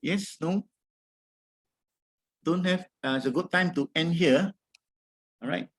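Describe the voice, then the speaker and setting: Singaporean man, slightly high-pitched, coaching informally. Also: slow. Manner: colloquial Singlish with tags like "all right" and "lah". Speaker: forex trading coach. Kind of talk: informal webinar presentation with audience questions.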